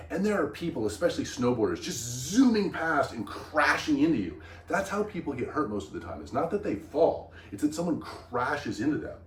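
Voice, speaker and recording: A man's voice: medium pitch, far from the mic, a little hiss or hum. A man hosting a vlog, explaining things in casual chat with an enthusiastic, emphatic manner. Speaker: vlog host. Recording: roomy echo.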